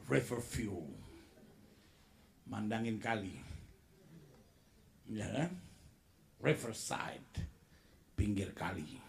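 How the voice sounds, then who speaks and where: A man preaching a lively sermon with jokes, acting out quoted voices and asking the congregation to repeat after him. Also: medium pitch, vocal fry, a little hiss or hum. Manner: animated, acts out quoted voices, asks the crowd to repeat.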